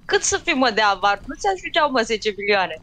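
Romanian-accented woman, game roleplay, bright and lively, a betrayed and accusing colleague. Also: a little high. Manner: hurt and accusing. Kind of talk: in-character roleplay.

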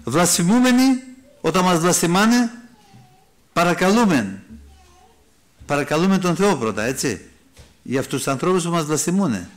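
Φωνή ενός μεσήλικα ιεροκήρυκα, λίγο πιο ψηλή από τη συνηθισμένη, σε οικείο κήρυγμα. Διαβάζει αρχαία κείμενα της Γραφής και τα ξαναλέει απλά στους «αδερφούς» του. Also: male voice, a little high, lively intonation, pauses often. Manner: conversational preaching, addresses listeners as brothers, reads and explains scripture. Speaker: preacher. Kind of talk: sermon. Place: church hall.

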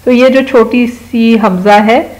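A woman teaching a lesson to young children, speaking patiently and repeating words slowly. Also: on the high side, fairly even intonation, darkish tone, low-quality recording. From Pakistan.

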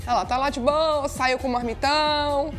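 A woman's voice: high-pitched, fairly even intonation, normal speed, soft background music. A woman in her thirties from Minas Gerais, chatty and exclamatory, presenting a gossip segment in a TV studio. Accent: Brazilian Portuguese, Minas Gerais. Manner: chatty, exclamatory, addresses viewers as "gente". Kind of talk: lively TV studio chat.

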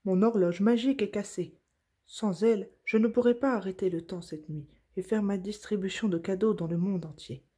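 A woman voicing a kind, jolly old Father Christmas in a children's storybook, louder and higher than her narration. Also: normal speed, breathy edge, natural voice. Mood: worried.

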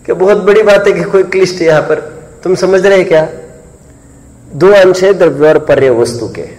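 A man's voice: high-pitched, normal speed, a little mellow. A man teaching Jain philosophy in a lecture, questioning students, repeating key points and chiding those who do not follow. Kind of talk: classroom lecture explaining a text. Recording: long reverb in a hall.

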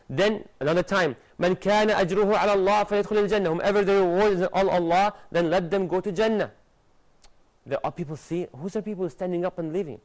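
A young man with a high voice delivers a religious TV lesson, reciting Arabic verses at speed to studio guests and gesturing animatedly. He's recorded on a lapel mic in a studio, and the recording is rough.

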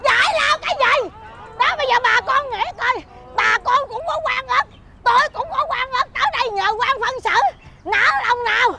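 An actress playing a loud, wailing old village woman in a folk tale TV drama. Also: moderate pace, heavy background noise. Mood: indignant. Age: older. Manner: shrill, scolding, wailing pleas.

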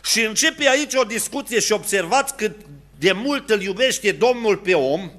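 A man with a Romanian accent preaching a sermon in a church, telling stories and acting out their dialogue, dropping to hushed tones and then rising again. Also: sits high, animated.

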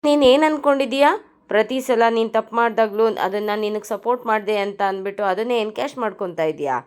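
A woman's voice: a little high, fairly quick, smooth, close to an everyday voice. A woman voicing an angry young man in a soap recap, harshly accusing and insulting a woman. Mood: furious.

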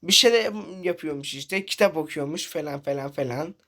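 A man's voice: a little high, a little fast, bright, forceful tone. A man giving casual commentary over a horror game, reading and translating the characters' lines aloud and swearing freely. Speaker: gaming channel host.

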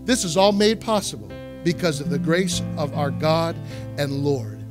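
A male pastor preaching a sermon in a church, repeating phrases for emphasis and swinging from quiet asides to loud exhortation. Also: a little high, sing-song, moderate pace, music in the background. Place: church sanctuary.

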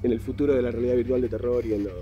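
A man's voice: mid-range voice, little pitch movement, racing, highs cut off. A young man with a Rioplatense Spanish accent giving jumpy, exclamatory let's play commentary to his viewers. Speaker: VR gaming YouTuber. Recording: voice over loud game music.

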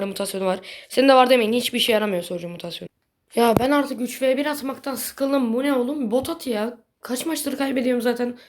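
Young woman, high-pitched voice, casual gameplay commentary, chatty and blunt. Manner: chatty, frustrated and blunt, swears lightly. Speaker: gaming video creator.

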